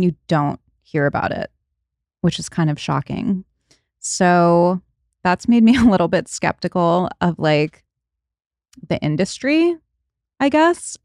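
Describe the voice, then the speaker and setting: A woman in her late thirties hosts a podcast in casual chat, laughing often and trailing off mid-thought. Her lowish voice is a little mellow, captured at studio quality with no room sound.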